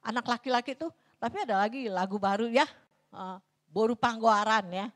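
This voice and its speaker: A middle-aged woman pastor from Sumatra, preaching a sermon in a church and telling stories, swinging between hushed asides and loud, dramatic peaks. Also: fairly high pitch, normal speed. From North Sumatra.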